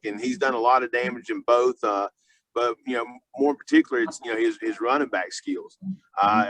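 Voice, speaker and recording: A man speaking off the cuff as a high school football coach in a sports interview, halting and often restarting his phrases with lots of filler. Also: fairly bright tone, rough recording.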